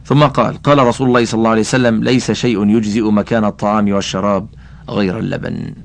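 A man's voice: on the low side, fairly even intonation, racing, gravelly. A man reading a classical religious text aloud as an audiobook, adding commentary and carefully spelling out how names are voweled. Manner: addresses the listener directly. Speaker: audiobook reader.

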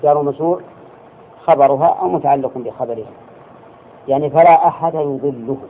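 A male religious teacher giving a classroom lesson, explaining slowly and checking his students with quick questions. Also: on the high side. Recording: tinny lo-fi lecture recording with faint hiss.

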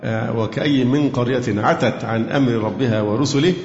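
A man's voice: mid-range voice, brisk, a little mellow. A man teaching a Quran commentary lesson, explaining grammar and quizzing his listeners, sometimes chanting verses. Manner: asks and answers own questions, sometimes chants verses. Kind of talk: tafsir lesson with grammar analysis. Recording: echoey hall, dull lo-fi sound.

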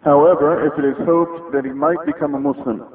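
A man reading religious rulings from a script in a formal, deliberate manner, using Arabic phrases. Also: fairly high pitch, steady tone. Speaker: reader of religious rulings on a taped lecture. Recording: muffled phone-like old cassette tape, echoey reverberant room.

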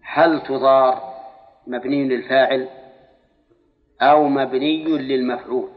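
A man's voice: mid-range voice, fairly even intonation, a little slow. Male religious teacher, lecture style, stretches words to quiz his class, muffled hall recording with a lingering echo. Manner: questions students, drawls words for emphasis. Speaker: Islamic scholar teaching Quran exegesis. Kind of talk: classroom lecture on Quranic grammar.

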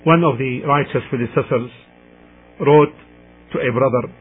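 A man gives a religious lecture in measured, deliberate phrases, alternating between recitation and translation. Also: mid-range voice, breathy edge, soft background music. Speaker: Islamic lecturer. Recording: muffled, tinny radio-like sound.

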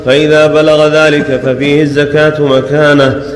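A man reads a classical text aloud to his teacher in a measured, lightly chanted cadence. His voice sits a little high and keeps a flat, even line. A long reverb from a large hall surrounds him, with faint ambient noise behind. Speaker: student reading a text to the sheikh.

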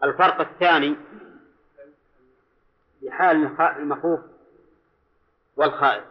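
A man teaching Quran commentary in a classroom lecture, speaking deliberately, repeating key phrases and quizzing his students. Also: a little high, steady tone. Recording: dull lo-fi lecture recording.

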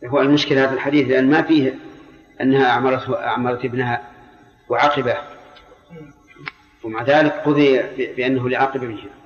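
Brisk teacher in an echoing room. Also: male voice, mid-range voice, steady tone. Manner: brisk, interjecting with corrections and questions. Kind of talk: explaining a text in a study circle. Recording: roomy lo-fi recording with long reverb and faint music.

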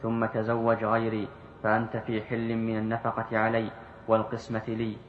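A man reading source texts aloud in a lesson, reciting in a steady way. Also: lowish voice, normal speed. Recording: echoey hall, phone-like sound, faint noise.

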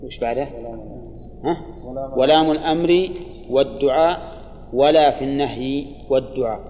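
A man teaching a grammar lesson to a class, reciting examples slowly and quizzing his students. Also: mid-range voice, a little mellow, slight background noise. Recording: dull lo-fi recording in a long-reverb hall.

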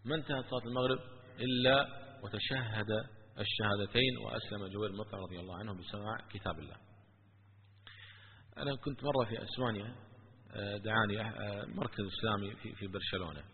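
A man preaching and telling stories in an animated religious lecture. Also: fairly low pitch, quick pace, long pauses, a little hiss or hum. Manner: animated, with stories and rising emphasis. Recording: tinny lo-fi with long hall echo.

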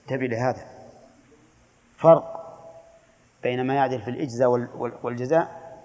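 A man's voice: medium pitch, a little fast, a little mellow, big-room sound, dull audio. A man teaching a classroom religious lesson on a creed text. He explains step by step, puts questions to his students and answers them himself.

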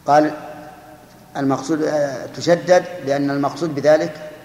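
A man's voice: fairly high pitch, steady tone, moderate pace, dark tone. A man giving a grammar lesson, explaining step by step and putting questions to his students. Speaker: teacher. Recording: echoey hall recording, faint noise.

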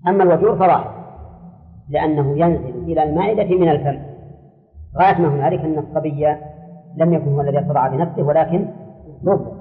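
A man lectures on Islamic law, answering students and repeating his key terms as he explains. His voice sits a little high. The sound is thin and phone-like, with a long echo from a large hall. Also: quick pace, pauses often. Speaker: religious scholar teaching a class.

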